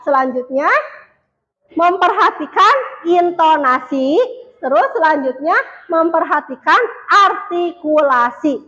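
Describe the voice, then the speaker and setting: A woman's voice: sits high, lively intonation, slow, a bit bright, dull audio. A woman teacher leading a classroom lesson, asking the pupils questions and repeating their answers.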